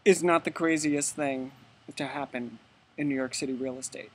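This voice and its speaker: Man, real estate agent, casual explaining, easygoing, middle pitch. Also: fairly even intonation, moderate pace, a little hiss or hum. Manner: easygoing, explains plainly, laughs along. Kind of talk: casual chat.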